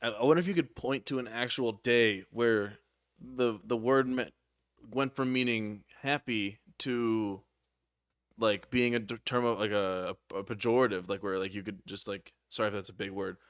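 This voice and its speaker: A young man co-hosting a casual podcast, bantering with quick replies and crude jokes. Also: on the low side, steady tone, a bit bright, no room sound, studio quality. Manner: banter, quick agreeing interjections, profane jokes. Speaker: podcast co-host. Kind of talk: casual chat.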